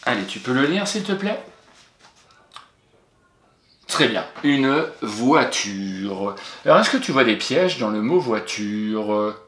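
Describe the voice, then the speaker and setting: A man's voice: mid-range voice, big pitch swings, slow pace, pauses often, a bit bright, slight background noise. A man teaching a young child spelling, patient and encouraging, spelling words out letter by letter. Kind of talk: spelling lesson for a young pupil. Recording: roomy echo.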